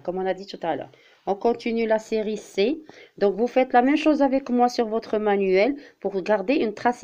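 A woman primary school teacher walks her pupils through a vocabulary exercise, speaking in a very slow, deliberate way. She repeats each word and acts out examples. Her voice sounds warm and relaxed, and the recording is a bit dull and lo-fi. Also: medium pitch. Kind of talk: classroom vocabulary lesson.

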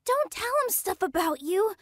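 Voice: very high-pitched, expressive, normal speed, fairly bright tone, no room sound, clean studio sound, pitched above the performer's own voice. A narrator putting on the voice of a blunt, sassy, street-smart young girl. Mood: bossy. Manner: blunt, teasing.

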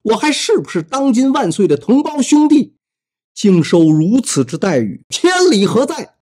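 A man's voice: sits high, big pitch swings, moderate pace, darkish tone, slightly rough, pitched above the performer's own voice, heavily acted. A man voicing an aggrieved prince who complains in outrage. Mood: outraged. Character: aggrieved indignant male prince.

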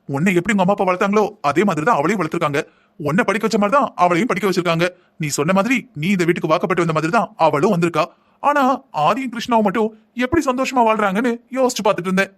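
A patient, thrifty husband in a cartoon drama, played by a man, lecturing his wife in long explanations. He talks in a very rapid stream on a fairly high voice. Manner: calm lecturing, explaining at length. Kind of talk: Tamil cartoon voice acting.

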